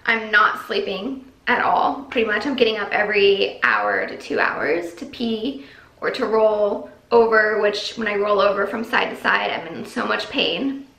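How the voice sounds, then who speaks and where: This vlogger, young and pregnant, speaks in a medium-pitched, gravelly yet slightly bright voice at a measured pace. Sitting in her empty nursery at home, she rambles casually through her update, short of breath and packing in fillers and "likes," while the bare room echoes around her.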